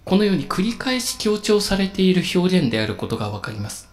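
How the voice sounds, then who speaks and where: A man preaching a sermon as a pastor, in a slow, solemn and measured delivery with emphatic pauses. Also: high-pitched, big pitch swings.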